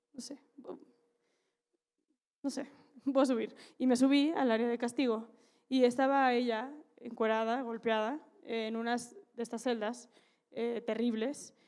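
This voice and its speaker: A woman with a Mexican Spanish accent, a conference speaker telling a story to an audience in a candid, lively way with slang and asides. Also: on the high side, clear, resonant tone. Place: conference stage in a large hall.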